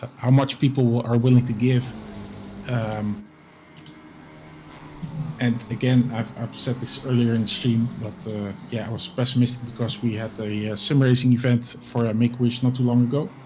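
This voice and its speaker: A very tired man hosting a charity sim racing stream, talking softly and rambling with lots of hesitant fillers. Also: medium pitch, little pitch movement, normal speed. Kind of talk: casual live-stream chat. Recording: noisy with background hum.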